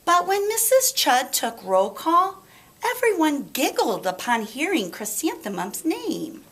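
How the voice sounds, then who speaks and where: A woman's voice: high-pitched, sing-song, unhurried, a bit bright, slight background noise. A woman reading a picture book aloud to children in a dramatic, emphatic style. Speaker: storybook reader. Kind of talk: expressive children's read-aloud narration.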